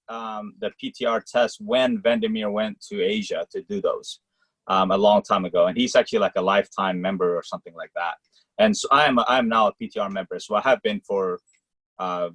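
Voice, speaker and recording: A man's voice: fairly low pitch, a bit bright, no room sound, low-quality recording. A man from Malaysia, a college tennis coach, answering interview questions casually with lots of fillers over a video call. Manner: talks in quick rambling clauses with many fillers.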